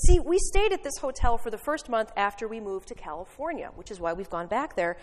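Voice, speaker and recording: A woman pastor giving a sermon, telling a story in an animated, wry way. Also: on the high side, a little fast, in a large hall.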